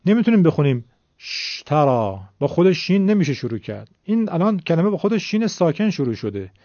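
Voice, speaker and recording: A man patiently and politely walks through a step-by-step Quran recitation lesson in a classroom explanation. His high voice is very animated and dark in tone, captured in a dull, lo-fi, dry recording.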